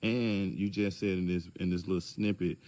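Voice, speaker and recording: A man speaking calmly but pointedly in direct-address video commentary, asking rhetorical questions, with features. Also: sits low, moderate pace. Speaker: commentator addressing a public figure.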